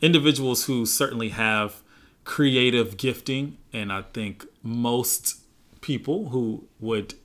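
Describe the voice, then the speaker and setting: A man hosting an interview, asking thoughtful, affirming questions in a relaxed conversational way. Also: mid-range voice, takes it slowly. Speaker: podcast host.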